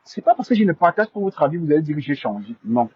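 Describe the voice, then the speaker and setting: A man's voice: on the high side, very animated, racing, husky, highs cut off. A man hosting a live stream, stammering and repeating himself as he defends himself to viewers. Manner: indignant, defensive.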